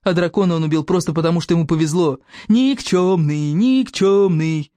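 A woman voicing a boastful, sneering Viking boy who jeers in slow, drawn-out taunts. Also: sits low, little pitch movement, warm tone, no room sound, natural voice. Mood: gloating.

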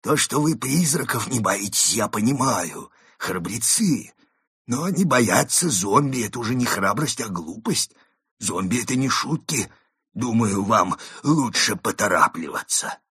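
A fussy ghost wolf from a storybook lectures and warns in a slow, swooping voice, as a man puts him on. The voice is very husky and raspy. It sounds dry and close. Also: mid-range voice, lively intonation, fairly bright tone, no room sound, pitched above the performer's own voice, full character voice. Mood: grave warning. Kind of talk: audiobook character reading.

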